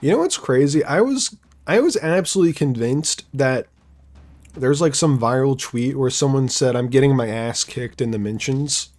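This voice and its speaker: A man's voice: mid-range voice, expressive, moderate pace, a little mellow. A young man chatting casually while streaming a game live, rambling through sarcastic asides.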